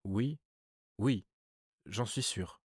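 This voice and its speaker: A trembling noblewoman, done by a man reading the book, whose hesitant answers break into high, tearful pleas. The voice sits low at rest and is close and dry, with no room around it. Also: drawn-out words, slightly rough, no room sound, heavily acted. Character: distressed young noblewoman, trembling, pleading.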